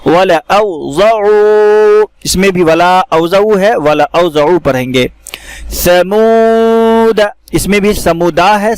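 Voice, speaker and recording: A man teaching how to read the Quran, explaining each word and then reciting it slowly with drawn-out vowels. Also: fairly high pitch, dry recording. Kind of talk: step-by-step recitation lesson.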